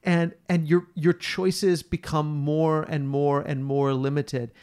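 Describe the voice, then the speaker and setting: A man with a fairly high voice talks through Bible passages with a podcast partner. He is earnest and emphatic and leans on repetition to press his point home. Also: little pitch movement, takes it slowly, a little mellow, clean tone. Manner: earnest, emphatic, repeats words for stress. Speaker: podcast co-host teaching on scripture. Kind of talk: conversational Bible teaching.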